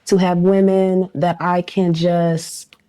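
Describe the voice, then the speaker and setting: A middle-aged woman with a hoarse voice she has nearly lost, hosting a relaxed roundtable chat with friends in a casual, slangy way. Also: lowish voice, slow. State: hoarse, losing her voice. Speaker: podcast host.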